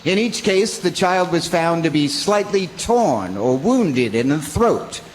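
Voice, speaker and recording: A man's voice: fairly high pitch, animated, slow, a little hiss or hum, rough recording. A man playing a formal newspaper reader and announcer in a scripted radio drama. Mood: formal, urgent.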